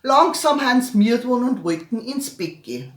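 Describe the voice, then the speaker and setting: A woman's voice: a little high, fairly quick, reverberant. A woman comedian with a Bavarian accent, telling a joke at home in dialect. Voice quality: lively dialect storyteller.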